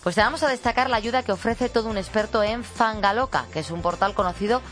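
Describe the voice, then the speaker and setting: A woman's voice: medium pitch, fast talker, a bit bright, faint music behind. A woman with a Castilian Spanish accent chatting casually as a radio co-host.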